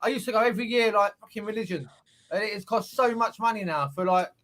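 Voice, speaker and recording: Excitable, bright-voiced British man. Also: high-pitched, fast talker. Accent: British English. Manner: excitable, swears freely, loud laughs. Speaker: co-host of paranormal live stream. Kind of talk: casual live-stream chat.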